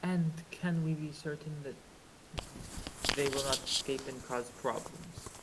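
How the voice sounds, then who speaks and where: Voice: mid-range voice, a little slow, very noisy. A player speaking formally and earnestly in character during a tabletop game. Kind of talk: in-character tabletop role-play.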